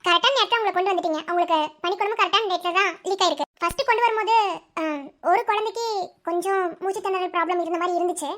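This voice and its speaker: A woman voicing a calm woman doctor who reassures worried relatives in a firm, soothing way. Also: very high-pitched, racing. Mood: reassuring. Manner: soothing, firm, mixes English words. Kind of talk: cartoon voice acting.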